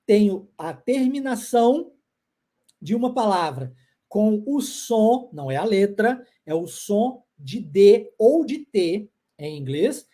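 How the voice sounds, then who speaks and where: A Brazilian woman leads a live online pronunciation class, her voice husky and a little breathy. Her pitch rises and falls expressively. She drills phrases patiently and keeps asking if the learners are following. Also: mellow. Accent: Brazilian Portuguese. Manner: encouraging, drills phrases slowly with repeated check-ins. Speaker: English pronunciation teacher.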